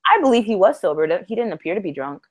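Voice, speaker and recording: A woman co-hosting a podcast, telling stories in casual chat, animated and laughing as she tells them. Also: medium pitch, quick pace. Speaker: podcast co-host.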